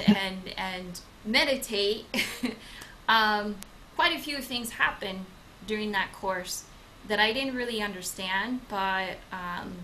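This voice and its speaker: A woman's voice: medium pitch, pushed and bright, a little hiss or hum, low-quality recording. A young woman co-hosting a channel, introducing herself in casual talk with many hesitant fillers and restarts. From Okinawa, Japan; grew up in the United States. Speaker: channel co-host. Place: home in Madrid.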